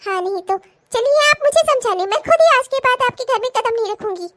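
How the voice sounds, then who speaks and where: A woman voicing a sharp-tongued, gossiping middle-aged aunt in a cartoon comedy, with a taunting manner. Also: very high-pitched, lively intonation, fast, very noisy. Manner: taunting, mocking.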